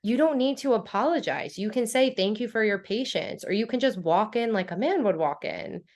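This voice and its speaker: A woman guest in a casual interview, telling animated stories and acting out her own inner dialogue. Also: a little high, brisk. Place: New York City.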